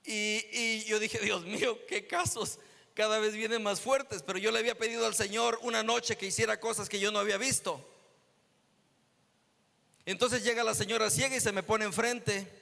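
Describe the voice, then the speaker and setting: This guest pastor's sermon testimony, recorded in an echoey church hall, centers on a healing story whose dialogue he acts out. His high voice is creaky, bright and forceful, holding a steady tone at a moderate pace.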